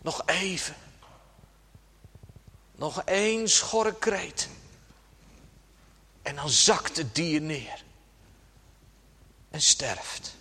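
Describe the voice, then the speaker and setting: A man preaching a sermon slowly and dramatically, dropping suddenly to a hush at times. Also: on the high side, animated, gravelly, husky. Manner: slow, dramatic preaching with sudden soft drops. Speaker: pastor. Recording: long church reverb.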